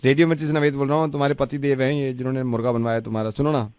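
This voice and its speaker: A man's voice: mid-range voice, fairly even intonation, rapid-fire, a little mellow, clean tone, no room sound. A male radio host making a prank call, teasing and playful and laughing often.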